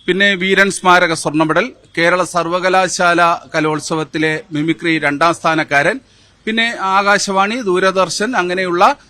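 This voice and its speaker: A man in his fifties speaks slowly and hesitantly, filling his pauses with small sounds. His voice sits high and sounds bright. The recording is dry and close. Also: steady tone, no echo. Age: 50s. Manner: hesitant, many fillers, measured. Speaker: former mimicry champion, interviewee. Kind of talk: interview answers with poem recitation.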